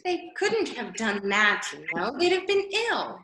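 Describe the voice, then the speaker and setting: A woman's voice: a little high, sing-song, unhurried, fairly bright tone, exaggerated voice. A woman playing a curious, polite but easily indignant young girl in a readers' theater storybook piece, prim and questioning, in an echoey room. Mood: puzzled, indignant. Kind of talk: readers' theater of children's classic.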